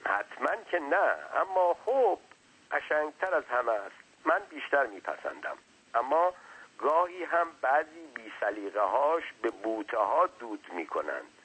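A man's voice: mid-range voice, sing-song, a bit bright, husky, pitched above the performer's own voice, heavily acted, poor audio. A man voicing a small, talkative non-human servant who speaks deferentially and lectures at length. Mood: chatty.

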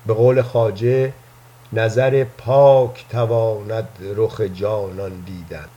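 A man doing a gentle, wondering old man. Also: on the low side, steady tone, muffled recording, close to an everyday voice. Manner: soft, earnest, confiding. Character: gentle, playful old man who believes in angels. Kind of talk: storybook reading.

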